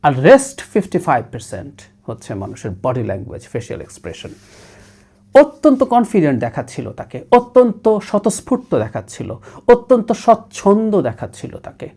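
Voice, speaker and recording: A man's voice: on the high side, a little mellow. A middle-aged man, giving a political commentary monologue in an analytical way and mixing English words into his talk. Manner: analytical, mixes English words and phrases into Bengali.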